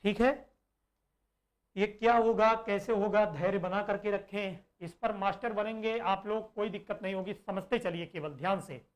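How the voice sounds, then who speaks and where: This online exam-prep teacher, a man, explains at a slow pace, repeats himself for emphasis, and answers his own questions. His voice is high.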